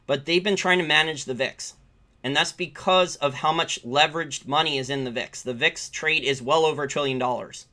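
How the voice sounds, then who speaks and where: This American finance channel host answers live viewer questions, offering loose, opinion-heavy takes on the markets and restating his points for emphasis. He speaks on the high side with a sharp tone.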